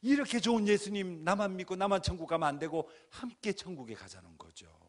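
A man preaching a dramatic testimony sermon in a church, swinging from hushed tones to shouted pleas. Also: high voice, expressive, a little fast. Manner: acts out his own pleas and cries. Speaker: guest speaker at a church revival. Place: church sanctuary.

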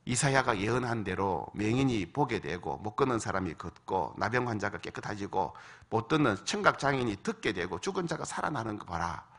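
A man's voice: on the low side, expressive, fairly quick, few pauses, fairly bright tone. A male pastor preaching a sermon, acting out quoted voices and asking the congregation questions.

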